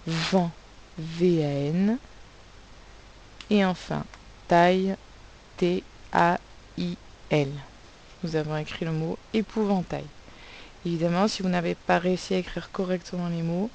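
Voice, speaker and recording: A woman teacher giving a recorded spelling lesson for young pupils, slowly sounding out words and spelling them letter by letter. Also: fairly low pitch, vocal fry, darkish tone, slight background noise. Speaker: primary school teacher.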